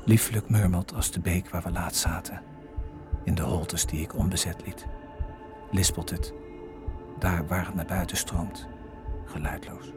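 A man giving hushed, fragmented first-person narration for a radio drama. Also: low voice, fairly even intonation. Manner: hushed, fragmented, halting phrases. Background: music.

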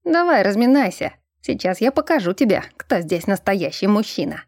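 A woman's voice: medium pitch, big pitch swings, normal speed, a little mellow, no room sound, studio quality. A woman voicing a brash, lecherous male werewolf who boasts and teases in a storybook reading. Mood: boastful. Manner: boisterous, teasing and boastful.

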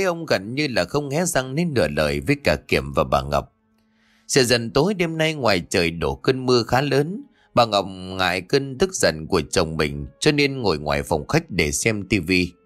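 Low-voiced male audiobook narrator. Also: fairly bright tone. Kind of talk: scripted story narration.

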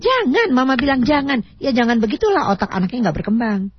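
A woman on a radio talk show giving parenting advice, explaining with animated emphasis and acting out parent speech. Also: on the high side, fairly quick, slightly rough, no room sound. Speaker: parenting expert guest. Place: radio studio. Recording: dull lo-fi radio audio.

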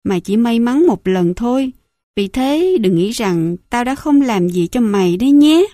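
A woman's voice: on the high side, animated, normal speed, warm tone, no room sound, studio quality, natural voice. A woman voicing a cruel, scornful middle-aged mother who smokes and mocks her son. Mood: sneering. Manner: sneering, mocking, contemptuous.

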